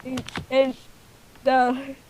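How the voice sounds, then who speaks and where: A woman with a high voice runs a tabletop game as game master. She narrates slowly and haltingly in a casual way, with clear noise and clicks in the recording. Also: monotone, a little mellow. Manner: halting, improvised.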